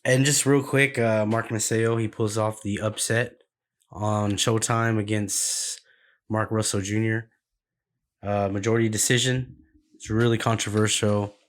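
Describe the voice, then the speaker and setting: Laid-back low-voiced podcast guy. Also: level tone, a little slow. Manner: laid-back, slangy, trails off into fillers. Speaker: podcast co-host running the fight previews. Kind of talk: casual podcast chat.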